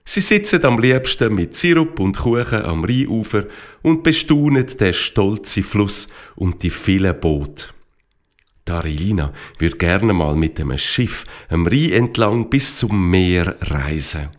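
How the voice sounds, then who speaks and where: Slow, lively storyteller man. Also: fairly low pitch. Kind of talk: children's story narration.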